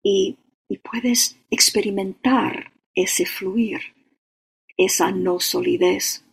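A meditation teacher giving a dharma talk and leading a guided meditation, slow and halting, often checking in with short tag questions. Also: mid-range voice, fairly even intonation, gravelly, husky. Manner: slow, halting, with frequent "¿no?" and "o sea".

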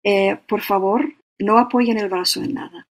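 Meditation teacher talking real slow, husky and a bit gravelly, lots of little pauses. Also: medium pitch, steady tone. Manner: slow, halting, with frequent "¿no?" and "o sea". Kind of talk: dharma talk and guided meditation.

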